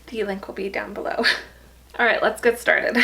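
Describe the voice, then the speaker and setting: A woman's voice: mid-range voice, steady tone, moderate pace, gravelly, bright, forceful tone, rough recording. A tired, pregnant young woman giving a casual vlog update, chatty and laughing often. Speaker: vlogger.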